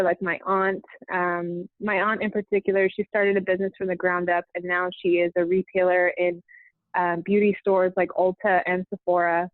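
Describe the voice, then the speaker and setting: A young woman from California, a therapist guest in a podcast interview, speaking thoughtfully with frequent pauses. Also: mid-range voice, dry recording. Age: young adult. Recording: dry phone-like remote line.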